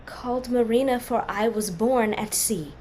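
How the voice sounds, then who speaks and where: Woman playing a measured, sorrowful noble maiden, high-voiced. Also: darkish tone, a little hiss or hum, natural voice. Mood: solemn. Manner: earnest, measured, formal. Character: orphaned noble young maiden, sorrowful, dignified, guarded. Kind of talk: classical verse stage acting.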